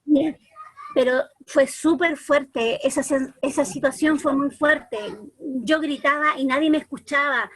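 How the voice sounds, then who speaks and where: High-voiced Chilean woman telling a story. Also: measured pace. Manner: animated, lots of restarts and repeats. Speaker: church youth leader. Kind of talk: storytelling testimony on a group video call. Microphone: video call.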